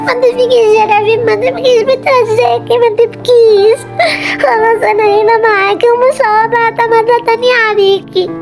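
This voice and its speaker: A woman's voice: very high voice, little pitch movement, over music. A woman voicing a young girl, an anxious and loving little sister who talks in a pleading, childlike way. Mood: tearful. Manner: childlike, pleading, quick and breathless. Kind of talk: amateur game drama voice acting.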